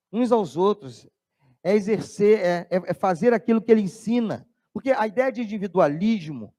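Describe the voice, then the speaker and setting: A man preaching a sermon as pastor, animated, dropping his voice low when he tells a story. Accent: Brazilian Portuguese. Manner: animated preaching, drops voice low to tell stories.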